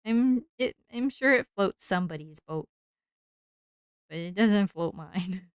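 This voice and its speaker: A woman's voice: mid-range voice, animated, a little slow, clear, resonant tone, dry recording, studio quality. A woman streamer chatting casually while she draws, rambling along with lots of fillers and frequent laughter.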